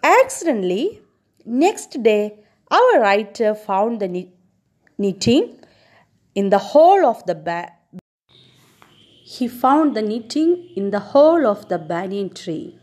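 A woman's voice: medium pitch, takes it slowly, pauses often. A woman teacher retelling a story to her students, stopping to quiz them with questions and stressing key words. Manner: expressive, quizzes listeners with questions.

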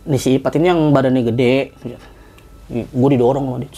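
A woman's voice: extremely low pitch, fairly even intonation, a little fast, mellow, husky. A woman telling a spooky story as a podcast guest, in slangy casual talk that acts out the voices of the people in it. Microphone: podcast microphone.

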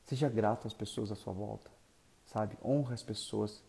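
Gravelly preacher man. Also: on the low side, normal speed. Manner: animated, swings from loud to soft. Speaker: pastor. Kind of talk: storytelling sermon.

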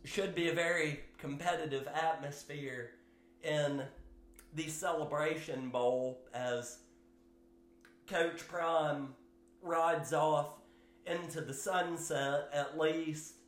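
A man hosting his own sports podcast, giving solo commentary in a slow, measured way with fillers and hedges. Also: a little high, reverberant. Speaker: podcast host.

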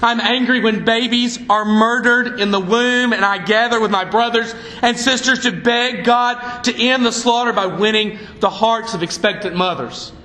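A male pastor delivers a fiery, emphatic sermon in a high, bright voice. His words carry a sharp, forceful edge. The sound rings through an echoey church sanctuary with faint room noise behind it. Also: moderate pace, hardly any pauses.

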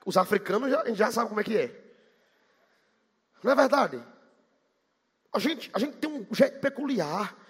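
A man from Bahia preaches a sermon with a quick Bahian accent, swinging into sing-song shouts. His voice sits very high, sharp and gravelly. The sound carries a long reverb from a large church hall. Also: lively intonation. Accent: Bahian Portuguese. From Bahia, Brazil.

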